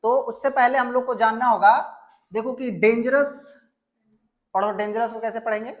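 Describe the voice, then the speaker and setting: Woman teaching grammar. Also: fairly high pitch. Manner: drills with repeated questions and answers; slows and stretches example words. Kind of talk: classroom grammar lesson.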